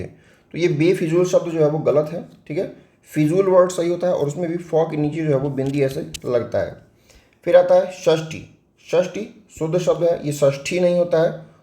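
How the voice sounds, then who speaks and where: Hindi-accent guy teaching spelling, kinda high mellow voice, asks stuff then answers it himself, echoey room. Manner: explains step by step, asks and answers own questions. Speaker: exam-prep teacher. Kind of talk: spelling lesson for exam prep.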